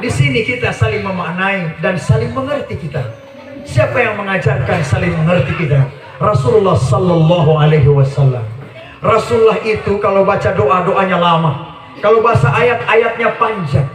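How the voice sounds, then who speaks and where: A man preaches in a high, bright voice, joking his way through a sermon. The recording sounds roomy and distant, with a gathered crowd and background noise audible. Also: expressive, normal speed, soft background music. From Gorontalo, Indonesia. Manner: joking, playful, draws laughs. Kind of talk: humorous sermon at a community gathering.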